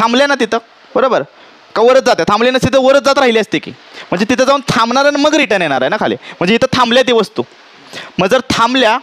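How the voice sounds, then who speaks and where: A man with a fairly high voice leads a physics lesson in a classroom. He keeps asking the students whether they understand, switches between his own language and English terms, and teases them in a playful way. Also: a bit bright. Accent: Marathi. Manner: questioning, checks understanding often; mixes English terms into Marathi. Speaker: teacher.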